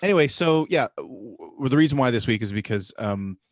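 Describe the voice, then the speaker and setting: A man's voice: medium pitch, animated, a little fast, dry recording, studio quality. A man co-hosting a podcast, telling a rambling story in casual chat. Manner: rambling, many fillers and restarts. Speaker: podcast co-host.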